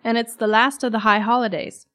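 A woman's voice: fairly high pitch, steady tone, a little fast, fairly bright tone, soft background music. A woman co-hosting a scripted podcast, asking curious, friendly questions and adding her own notes. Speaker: podcast co-host. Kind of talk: scripted educational podcast dialogue.

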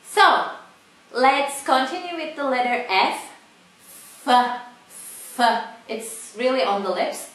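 A woman with a Turkish accent, a native Turkish speaker, teaching pronunciation slowly, repeating each word with many fillers. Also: sits high, lively intonation, a bit bright. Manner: slow, repeats words, frequent fillers. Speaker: language teacher. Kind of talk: casual pronunciation lesson. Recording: echoey room.

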